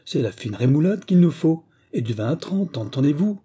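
A man voicing a boisterous, hard-drinking army sergeant who talks loud and jovial, in an audiobook reading. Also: fairly high pitch, sing-song, normal speed, husky, voice pushed up. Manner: loud, swaggering, jovial barrack-room talk.

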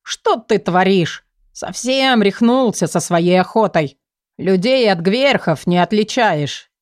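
A woman's voice: medium pitch, animated, slow, dry recording, studio quality. A woman voicing an insolent, leering young male nobleman with a drawling, sneering way of talking. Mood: indignant.

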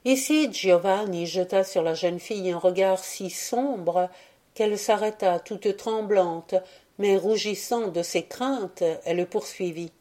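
A woman narrates a classic tale for an audiobook in a measured literary reading. Her voice is mellow and warm, sitting in an ordinary middle register. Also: medium pitch. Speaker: audiobook reader. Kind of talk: scripted narration.

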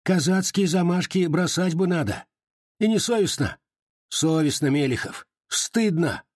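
A man's voice: fairly high pitch, animated, a little slow, a little mellow, no room sound, clean studio sound, voice pushed up. A man voicing an earnest young Cossack who scolds his comrades, with a raised, reproachful delivery.

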